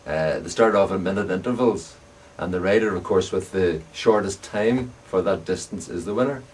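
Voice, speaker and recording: A man's voice: sits low, moderate pace. An older Northern Irish man with an Ulster accent, reminiscing casually as he answers interview questions. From Northern Ireland. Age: older, around 70 or above. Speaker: bicycle frame builder and veteran club racing cyclist being interviewed. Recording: distant mic, clear background noise.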